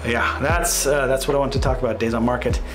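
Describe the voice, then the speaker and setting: A real estate agent in his thirties gives a relaxed market update from his home office while sharing his screen. He rambles a little, fills pauses and corrects himself mid-sentence. His pitch sits in the middle for a man, and background music plays clearly beneath his webcam audio. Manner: chatty, thinking aloud with fillers and self-corrections.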